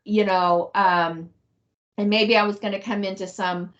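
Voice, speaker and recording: A woman's voice: medium pitch, fairly even intonation, a little slow. A woman author from Texas, talking reflectively about her book and thinking aloud with many restarts. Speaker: guest author. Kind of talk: casual discussion on a video call. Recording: muffled lo-fi call audio.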